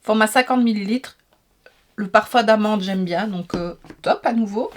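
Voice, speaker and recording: A woman's voice: medium pitch, moderate pace, a little hiss or hum. A young woman, chatting casually and enthusiastically as she unboxes beauty products, with many fillers. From Belgium. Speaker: beauty vlogger.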